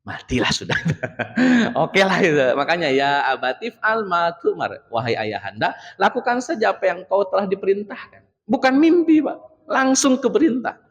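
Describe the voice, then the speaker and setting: A man preaching a casual midday sermon in a mosque, animated, acting out dialogues and addressing the men as Pak. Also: high-pitched, normal speed, gravelly. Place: mosque hall. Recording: reverberant mosque hall.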